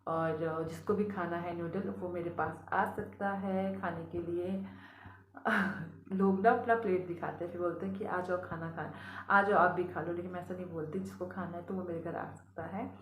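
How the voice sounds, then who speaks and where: A woman from India talks casually to her phone camera at home, homely and quick to laugh. A slight cold leaves her throat a bit rough, and her fairly low voice rings in a roomy space with faint noise behind it. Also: fairly even intonation. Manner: chatty, homely, laughs easily. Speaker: family vlogger. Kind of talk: casual vlog chat.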